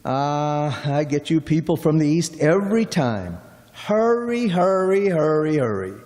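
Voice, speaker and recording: A man's voice: on the high side, lively intonation, a little slow, mellow. A man playing a chatty, folksy middle-aged cab driver in a radio play, rambling on in a drawl. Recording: long hall reverb.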